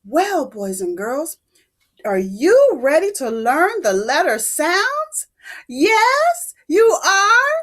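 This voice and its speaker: A woman's voice: high voice, very animated, drawn-out words, fairly bright tone, full character voice. A woman playing an overbright, exclamatory children's show host with a cheery, sing-song delivery. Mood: bubbly, excited. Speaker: children's show host teaching letter sounds.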